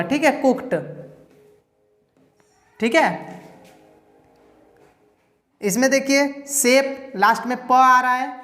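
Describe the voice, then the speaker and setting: A woman's voice: high voice, reverberant, in a large hall. A woman teaching an English pronunciation lesson, explaining each rule step by step and answering her own questions.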